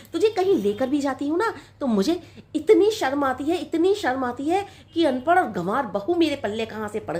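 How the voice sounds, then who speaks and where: A woman playing a proud, sharp-tongued older mother-in-law who nags and scolds in a comic sketch. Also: sits high. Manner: nagging, scolding, repetitive complaints.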